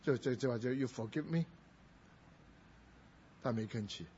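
At a normal speed and in a dark, mid-range tone, a middle-aged male pastor preaches, narrating a family story and lifting his voice for quotations. The dull lo-fi recording has a little hiss or hum.

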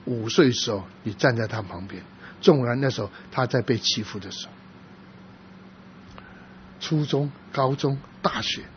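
Male pastor, sermon storytelling, halting delivery with restarts, mid pitch, dull lo-fi recording with faint hiss. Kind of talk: sermon testimony.

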